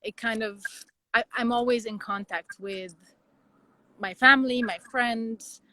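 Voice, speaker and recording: A woman from Lebanon talks in a bright, forceful voice, thinking aloud and often restarting her sentences. The sound is dry and close, with little room around it. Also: fairly high pitch, fairly even intonation, dry recording, rough recording. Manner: thoughtful, halting, with many restarts. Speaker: guest designer. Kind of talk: casual interview chat.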